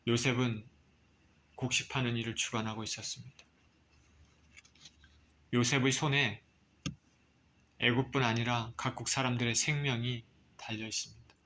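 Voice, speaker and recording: A man preaching a sermon as pastor, reading scripture and explaining it with measured pauses. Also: mid-range voice, fairly even intonation, bright, forceful tone, slight background noise.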